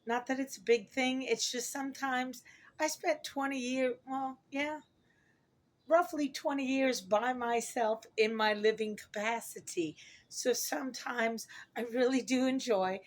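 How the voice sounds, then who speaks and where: A middle-aged woman with a hoarse voice from talking a lot, chatting casually and ramblingly to her viewers as she corrects herself. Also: sits high, fairly even intonation, measured pace. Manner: rambling, self-correcting, chuckles at own remarks. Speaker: vlogger. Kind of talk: casual chat to camera.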